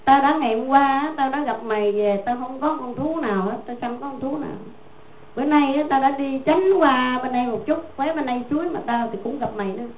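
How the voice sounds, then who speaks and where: A woman voicing an angry, hot-tempered male hunter who curses roughly. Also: high voice, fairly quick, a little hiss or hum, lightly acted. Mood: furious. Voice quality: rough, cursing. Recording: echoey tinny phone-like sound.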